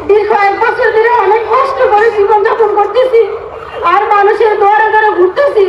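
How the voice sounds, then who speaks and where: A young woman with a Bangladeshi accent speaks in an extremely high, tearful voice. She pleads in distress, as in an emotional public appeal. The sound is dull and echoey, with some noise around her. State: tearful, close to crying. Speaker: bereaved widow making a public appeal. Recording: dull, noisy, echoey news interview audio.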